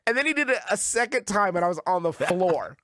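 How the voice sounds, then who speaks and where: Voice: medium pitch, big pitch swings, fairly quick, sharp tone. A podcast co-host chatting casually about a film, laughing often and swearing loosely. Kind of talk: casual comedic film discussion.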